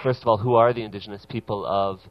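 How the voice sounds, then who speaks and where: A man hosting a radio interview, speaking haltingly with many fillers. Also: lowish voice, steady tone, lo-fi sound. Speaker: radio show host.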